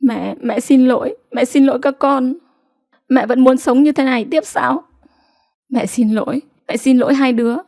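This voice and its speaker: A woman's voice: sits high, moderate pace, vocal fry, a little mellow, dry recording, studio quality, voice pushed up. A woman voicing a helpless, guilt-ridden village mother who speaks in pleading, apologetic tones.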